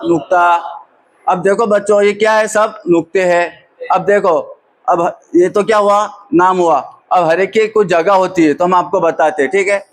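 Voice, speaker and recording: A high-voiced man drilling a class. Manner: patient question-and-answer drilling. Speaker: teacher trainer. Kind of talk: classroom teaching demonstration.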